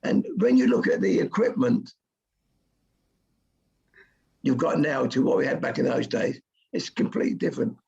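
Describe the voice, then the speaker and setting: An older man, telling old football stories with dry humour in a casual chat, his voice going hoarse. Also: a little high, very animated, fairly quick, a little mellow. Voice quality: gravelly, husky voice. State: losing his voice. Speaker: guest, goalkeeping coach. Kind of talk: casual storytelling on a podcast. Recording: muffled lo-fi stream audio.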